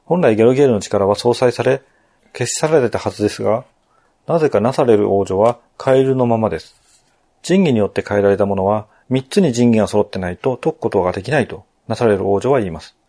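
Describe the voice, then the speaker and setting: Male narrator, polite game walkthrough with asides, mellow and dark in tone. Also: fairly low pitch.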